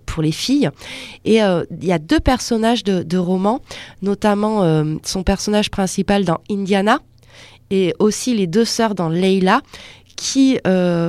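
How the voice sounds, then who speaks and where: A woman's voice: medium pitch, a little mellow, no echo. A woman speaking as a guest on a radio show, explaining loosely and with frequent hesitation fillers.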